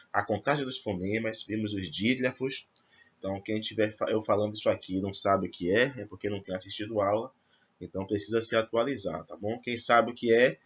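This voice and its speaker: A man's voice: on the low side, a bit bright, slightly rough, muffled recording. A man teaching a grammar lesson to first-year students, explaining step by step and checking in with his class. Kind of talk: recorded remote class lesson.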